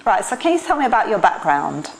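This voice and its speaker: A woman's voice: mid-range voice, very animated, fast, vocal fry, slight background noise, low-quality recording. Chatty woman interviewer. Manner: chatty, encouraging, frequent backchannels. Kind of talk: interview questions.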